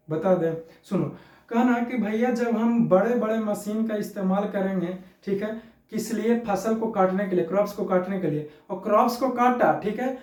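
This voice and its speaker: High-voiced teacher in an echoey room. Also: male voice, a little mellow, far from the mic. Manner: chatty, teasing, explains with home examples and mixes in English. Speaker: science teacher. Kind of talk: classroom lecture.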